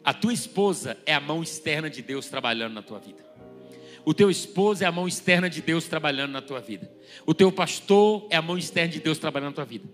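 A man in his forties, a pastor, preaching a lively, joking sermon in church at a fast, animated pace. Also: sits high.

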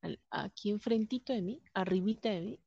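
A woman's voice: mid-range voice, moderate pace, gravelly, warm tone, slightly rough, no room sound. A woman with a Mexican accent chatting casually as a podcast co-host, telling stories and acting out what others said. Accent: Mexican Spanish. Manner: chatty storytelling that acts out quoted voices. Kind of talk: casual chat. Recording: dull lo-fi recording.

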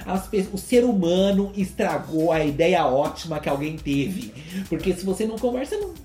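A man with a Brazilian Portuguese accent chatting casually, expressive and emphatic, quick to exclaim. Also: high-pitched, faint music behind. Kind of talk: casual chat. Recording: roomy echo.

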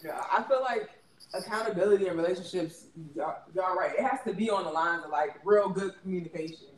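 High-voiced man in a roomy space. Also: brisk, recorded from a distance, slight background noise. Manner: laughs easily, rambling with many fillers. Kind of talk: casual chat.

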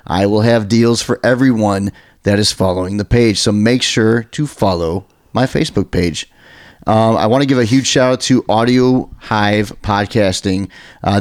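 Male American podcast host, mid-pitched, informal and emphatic, loose promo-style chat, dry close mic. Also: dry recording. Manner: chatty, informal, digressive, emphatic, swears freely. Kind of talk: casual podcast talk and promo.

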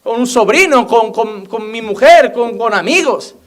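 A man's voice: very high voice, animated, measured pace. A young man preaching a fervent sermon as a pastor, often mimicking the voices of imagined people. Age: young adult.

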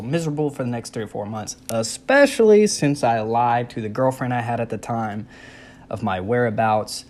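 This is a young man with a mid-range voice who tells an amusing personal tale. His delivery is easygoing, energetic and self-deprecating, and he plays out his reactions as he goes.

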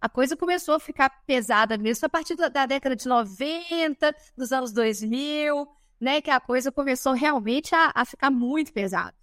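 At a normal speed, a Brazilian woman in her thirties chats casually as a podcast guest, her pitch sitting high. She's talkative and spirited, often adding a questioning "né?", and the studio-quality recording has no room sound.

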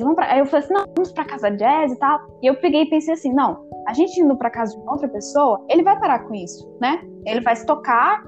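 Fast-talking high-voiced young woman. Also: highs cut off. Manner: animated, lots of fillers and quoted dialogue. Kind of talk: casual storytelling chat with friends.

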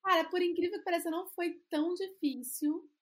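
A woman's voice: very high-pitched, steady tone, brisk. A Brazilian woman co-hosting a podcast, chatting casually about branding and often restarting phrases as she searches for the right words. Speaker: podcast co-host, brand designer.

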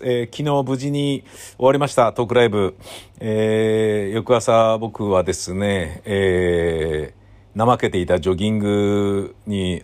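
A man's voice: on the low side, a little mellow, no echo. A man hosting a casual solo podcast, rambling and joking at himself as he talks to himself in a parking lot on a handheld recorder. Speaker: podcast host.

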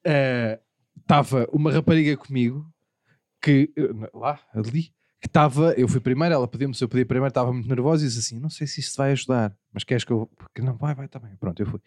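A young man with a European Portuguese accent, chatting casually with friends and telling rambling, animated stories. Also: medium pitch, dry recording, clean studio sound. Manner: rambling storyteller, quick and animated. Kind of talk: casual chat among friends.

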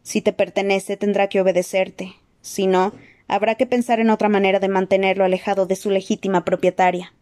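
Woman voicing a calm, courteous old wizard. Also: medium pitch, lightly acted. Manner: measured, polite, gently amused. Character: old male wizard, calm, courteous, wryly good-humored. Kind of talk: audiobook character voice.

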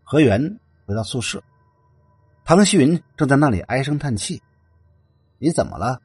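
A man reading a ghost story aloud with a husky voice and a lively, expressive delivery. The sound is dry and close, with faint music behind him. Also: medium pitch, normal speed, dry recording. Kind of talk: scripted ghost-story narration.

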